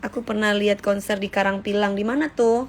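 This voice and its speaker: A woman's voice: medium pitch, steady tone, fairly quick, a little hiss or hum. A woman hosting a casual live stream, chatty and teasing, scolding viewers and singing short snippets. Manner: sings short snippets mid-talk. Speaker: livestream host.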